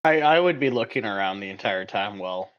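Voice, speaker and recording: A man playing in a tabletop game, excitable and stumbling over his words. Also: fairly low pitch, fairly quick, muffled recording. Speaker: player. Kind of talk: casual tabletop game chat.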